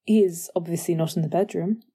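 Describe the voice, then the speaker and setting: A woman's voice: fairly low pitch, fairly quick, dark tone, breathy edge. A woman voicing a blunt, teasing young woman friend in a storybook reading.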